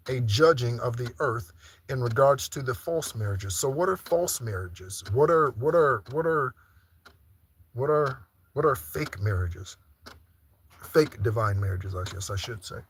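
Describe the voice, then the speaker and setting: With a husky, medium-pitched voice, this preacher delivers an animated yet unhurried live-streamed sermon for an online Sunday service. He keeps it informal, leaning on repeated rhetorical questions and checking in often.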